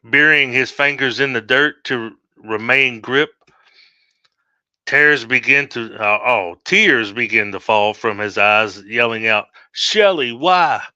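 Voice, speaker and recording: A man's voice: medium pitch, fairly even intonation, slow, sharp tone, clean tone, no room sound. A man reading his own horror story aloud steadily, with small slips, on a dull lo-fi recording.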